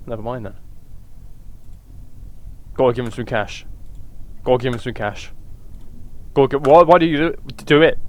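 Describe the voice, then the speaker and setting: A man casually commenting through a video game, wry and playful, trying out voices for the characters. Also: medium pitch. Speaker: let's play gamer.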